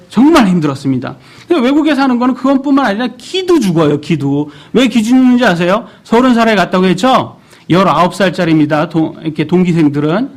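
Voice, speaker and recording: A man in his thirties preaching a sermon in church, asking the congregation questions as he goes. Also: high-pitched. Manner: animated, asks the congregation questions.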